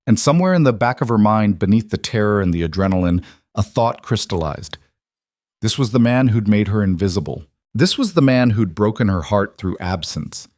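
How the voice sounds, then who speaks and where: Male story narrator, low voice, dry close sound, dramatic reading. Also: a little mellow, no echo. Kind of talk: scripted narration.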